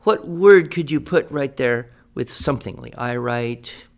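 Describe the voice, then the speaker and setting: Playing a patient writing teacher in a radio drama, a man speaks at a measured pace in a medium-pitched, expressive, gravelly voice. He breaks the lesson into steps and checks that students are following, and it sounds like improvised, instructive classroom teaching.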